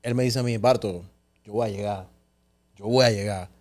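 A man hosting a podcast interview, chatting casually and interjecting with quick questions. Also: lowish voice, steady tone, darkish tone. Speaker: podcast host.

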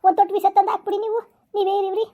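A woman's voice: extremely high pitch, flat delivery, rapid-fire, phone-quality sound. A woman playing a whining, self-pitying middle-aged stepmother in a village family skit. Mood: plaintive. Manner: plaintive, wheedling, self-pitying.

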